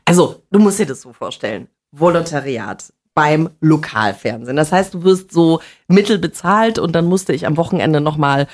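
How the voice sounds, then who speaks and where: A woman in middle age, raised in Munich, who presents on TV and radio. She talks in a somewhat low voice, chatting casually and telling lively, laughing stories. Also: normal speed, few pauses. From Munich, Bavaria. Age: middle-aged. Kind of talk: casual conversation.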